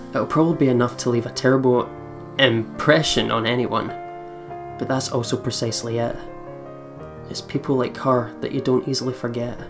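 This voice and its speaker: Over game music featuring guitar, a mid-pitched male let's play host reads the game's scripted narration aloud.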